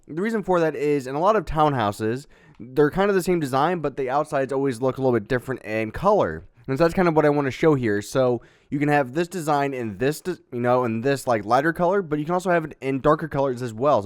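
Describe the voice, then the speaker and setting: Clear-voiced man hosting a building tutorial. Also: mid-range voice. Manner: relaxed, chatty, with fillers and little sound effects. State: has the hiccups. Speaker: Minecraft building tutorial host. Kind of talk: casual step-by-step tutorial narration.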